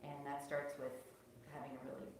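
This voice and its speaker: A woman author speaking at a live library talk and Q&A, chatty and quick to laugh, often restarting her sentences. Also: a bass voice, completely flat delivery. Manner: chatty, laughs easily, self-correcting restarts. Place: library event room. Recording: echoey room, distant mic, noisy.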